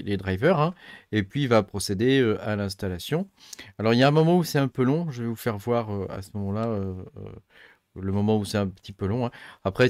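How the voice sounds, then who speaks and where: Low-voiced man rambling through a tutorial. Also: a little mellow, no echo, clean studio sound. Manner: rambling, thinks aloud with many fillers. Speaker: tech channel host. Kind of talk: casual screen-recorded tutorial.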